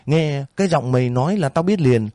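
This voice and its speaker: A man's voice: mid-range voice, expressive, a little fast, warm tone, dry recording, studio quality, voice pushed up, natural voice. A man voicing a stingy, cruel and cowardly older woman landowner in an audiobook reading, scolding shrilly and pleading in a panic.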